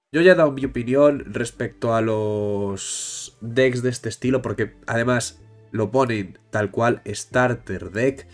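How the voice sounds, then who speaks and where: With a Spain accent and a medium-pitched voice, a YouTube host chats casually about card-game news while badly congested from a cold, his nose blocked. He pauses to catch his breath, and music plays behind him.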